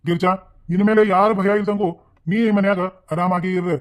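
A man's voice: sits high, flat delivery, fairly quick, close to an everyday voice. A man voicing a kind, protective widowed village landlord in a cartoon, speaking in an earnest, reassuring way with a North Karnataka Kannada accent.

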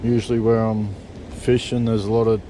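A middle-aged Australian fishing vlogger rigs gear at the back of a parked vehicle, giving a casual how-to chat and swearing easily, recorded on a point-of-view body camera. His voice is on the low side and warm, with little pitch movement, a moderate pace and a bit of hiss or hum.

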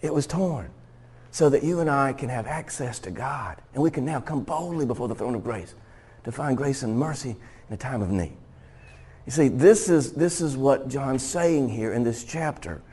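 A man's voice: medium pitch, lively intonation, moderate pace, warm tone, slightly rough. Male pastor with a mid-range voice, teaching casually from scripture, laughing as he goes. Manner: conversational, laughs often, restarts and stumbles. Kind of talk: sermon teaching.

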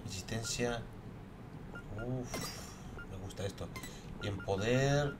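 A man's voice: medium pitch, slow, recorded from a distance, noisy background. A man giving let's play commentary, muttering to himself while he plays. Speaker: gameplay streamer.

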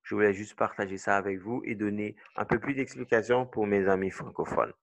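A man's voice: lowish voice, fairly even intonation, fairly quick, gravelly. A middle-aged man teaching English pronunciation rules, switching between English and French and checking in often with "okay".

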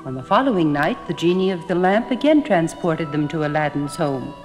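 A woman narrating a fairy tale in a measured storytelling manner. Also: sits low, lively intonation. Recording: echoey hall, music behind.

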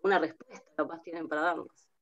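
An Argentine woman on an online panel speaks in a lowish voice. She reflects casually and thinks out loud as she talks, in an easy conversational register. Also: steady tone, quick pace, highs cut off. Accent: Argentine Spanish. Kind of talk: video-call panel discussion.

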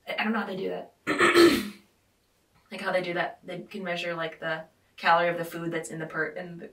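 A woman with a low-ish, bright voice chats casually on a podcast, wandering through her thoughts with many fillers and "like"s. She sits back from the microphone in a roomy space, so her voice carries an echo. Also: fairly quick. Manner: rambling, filler-heavy, frequent "like". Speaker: podcast host. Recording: roomy, distant mic.

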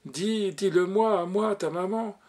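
A man's voice: on the high side, fairly even intonation, normal speed, a little mellow, lightly acted. A man voicing a worried, tender mother in a story reading. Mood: coaxing. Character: anxious tender working-class mother.

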